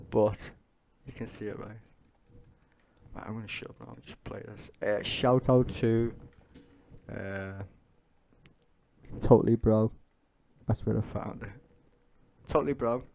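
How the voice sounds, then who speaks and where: Stoned man with a gravelly, creaky voice. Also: on the low side, fairly even intonation, slow pace, long pauses, darkish tone, slight background noise. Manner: stoned, rambling, giggly. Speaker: host reacting to clips. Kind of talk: casual profane reaction commentary to political clips.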